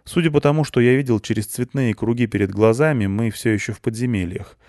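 A man's voice: medium pitch, fast, darkish tone, no echo, clean studio sound. A man reading a first-person audiobook in a wry, matter-of-fact storytelling manner. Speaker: audiobook narrator.

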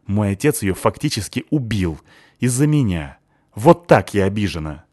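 A man's voice: mid-range voice, sing-song, fairly quick, darkish tone, no echo, clean studio sound, voice pushed up, lightly acted. Male reader doing a tough, mocking teen girl in an audiobook, raised voice, clipped lines. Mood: furious. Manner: snappy, rude, mocking. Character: sharp-tongued, angry eighteen-year-old girl.

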